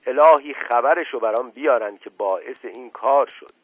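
A man voicing a wailing, melodramatic middle-aged wife with shrill laments, on a storybook radio reading. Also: slightly rough, no echo, lightly acted. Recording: tinny phone-like old radio broadcast.

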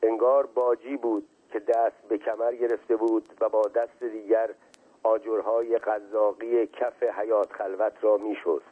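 A man with a husky voice reading a story aloud in a measured, even way, heard as a tinny radio reading. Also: on the low side. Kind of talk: scripted narration of a story. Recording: tinny phone-like radio sound.

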